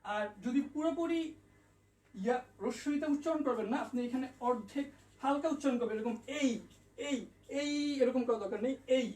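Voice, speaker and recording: An English tutor gives an online language lesson, patiently repeating each letter sound and spelling it out. His voice is very high-pitched with a darkish tone, and he talks quickly. The mic sits at a distance in an echoey room.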